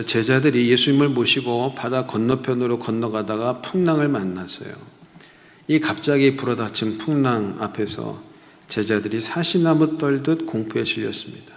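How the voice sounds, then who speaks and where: In a church sanctuary with the long reverb of the hall, a pastor with a mid-range, creaky voice preaches a sermon. He swells into emphatic rhetorical questions, then sinks to near-whispers.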